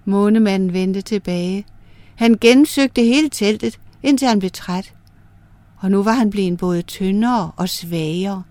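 A woman narrating folk myths as a storyteller, in a lively, clear way. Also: mid-range voice, no echo.

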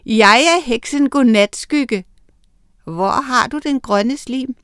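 A woman's voice: on the high side, fairly bright tone, smooth, no echo, clean studio sound, pitched above the performer's own voice, close to an everyday voice. A woman voicing a cheerful young witch girl who talks playfully, in a storybook reading. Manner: playful and laughing.

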